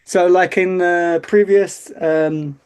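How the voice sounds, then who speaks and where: A woman's voice: on the low side, fairly even intonation, slow pace, darkish tone, smooth. A woman hosting a podcast interview, asking rambling, casual questions. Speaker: podcast host.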